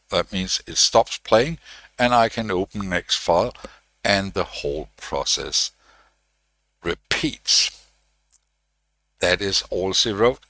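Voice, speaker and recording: A low, slightly bright male voice, dry in the recording, carries a casual technical walkthrough of an electronics project. The host thinks aloud, filling gaps with uh and frequently restarting sentences. His desk mic is turned on and off along the way.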